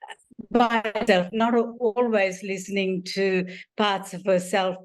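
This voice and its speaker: At medium pitch, a little slow and with little pitch movement, the older woman from Sri Lanka, an author and family therapist, answers interview questions. She goes on at length, warm and meandering, restarting frequently and sprinkling in "you know."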